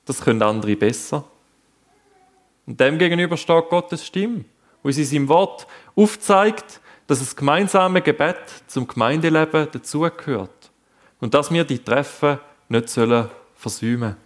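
A man's voice: fairly high pitch, normal speed. A man preaching a sermon, speaking earnestly and addressing the listeners directly.

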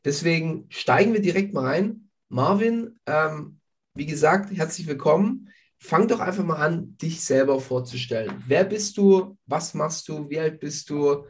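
A sports podcast host with a cold asks interview questions, using some hesitant fillers. His voice is a little high, expressive, and unhurried.

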